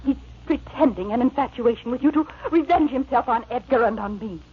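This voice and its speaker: A woman acting in a radio drama as a headstrong, jealous young married gentlewoman, imperious and theatrical. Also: on the high side, fairly quick, slight background noise, lightly acted. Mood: jealous, intense. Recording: muffled vintage radio recording.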